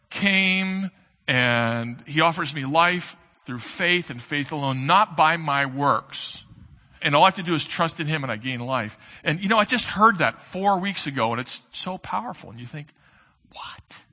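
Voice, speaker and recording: A man's voice: fairly high pitch, bright, forceful tone. Man preaching in an echoing hall. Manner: earnest, building emphasis with varied pauses. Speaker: pastor. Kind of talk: sermon. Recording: long reverb of a large hall.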